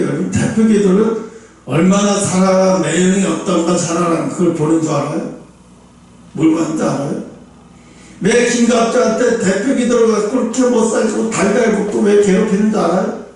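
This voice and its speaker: A male pastor preaches in a high voice, asking his congregation question after question. His delivery jumps between loud outbursts and quiet asides. The sound rings heavily in a church hall, picked up from well back. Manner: animated preaching, swings from loud bursts to low asides; speaks directly to the congregation with rhetorical questions. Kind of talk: sermon. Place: church sanctuary. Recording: echoey church hall, mic at a distance.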